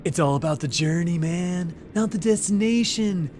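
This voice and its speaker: A man putting on the voice of a laid-back young stoner dude, drawling slowly and dreamily. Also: high voice, a little mellow, slight background noise, pitched above the performer's own voice, lightly acted. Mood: mellow.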